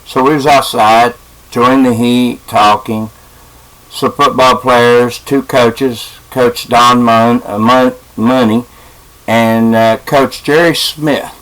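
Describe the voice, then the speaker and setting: Man, 50s, casual halting storyteller, mid-range voice, webcam. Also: medium pitch, steady tone, a bit bright, poor audio. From West Virginia. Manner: halting, with frequent uh fillers and restarts.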